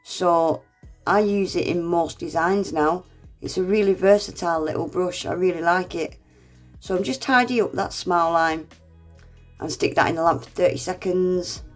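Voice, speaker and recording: A woman narrates a nail art tutorial step by step in a chatty, casual way, her fairly low voice congested from feeling under the weather. She's self-deprecating and keeps addressing viewers as "guys," speaking at a moderate pace with faint music in the background.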